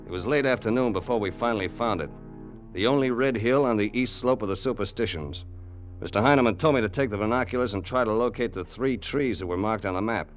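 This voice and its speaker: In a 1950s radio suspense drama, a male actor plays a loyal, eager crime sidekick telling his own story through first-person narration and dialogue. Plain-spoken and deferential, he narrates with tension in a fairly low, natural voice at a fast clip, over a vintage music bed.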